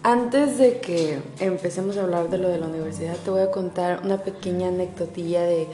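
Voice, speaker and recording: A woman's voice: on the low side, a little fast, over music. A young woman with a Mexican accent talking casually and directly to her viewers, full of slang and swearing. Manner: slangy, swears freely, talks straight to the listener. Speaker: vlogger. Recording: roomy echo.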